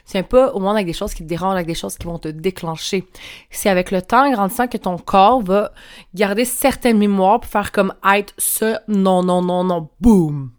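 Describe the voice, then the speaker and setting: A woman's voice: mid-range voice, a little fast. A young woman with a Québécois French accent hosts her podcast alone from home, chatty and candid, swearing freely and laughing often. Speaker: podcast host. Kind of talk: casual solo podcast monologue. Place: room at home. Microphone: clip-on mic.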